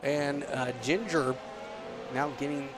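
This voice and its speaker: A man giving live motorsport commentary as a race broadcaster, his delivery excitable and following the action. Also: on the high side, takes it slowly. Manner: excitable, voice rising with the on-track action. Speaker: motorsport commentator in an online sim racing broadcast.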